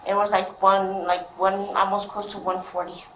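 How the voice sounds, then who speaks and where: A woman's voice: mid-range voice, little pitch movement, moderate pace. A woman, the mother of a suspect, telling an investigator what happened in a rambling way, acting out what people said. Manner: rambling, acts out quoted dialogue. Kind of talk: recounting events to an investigator. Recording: echoey room with faint noise.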